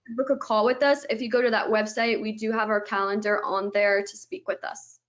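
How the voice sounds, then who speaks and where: A woman's voice: mid-range voice, level tone, brisk, muffled recording. A woman, a guest on a webinar, eagerly explaining her product step by step, stringing the steps together with "and then", over a video call.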